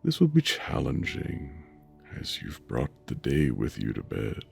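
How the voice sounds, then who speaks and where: A man with a deep, rumbling voice narrating a guided sleep meditation in a slow, soothing, hushed manner with long pauses. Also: huge pitch swings, vocal fry. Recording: soft music bed under voice. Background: soft music.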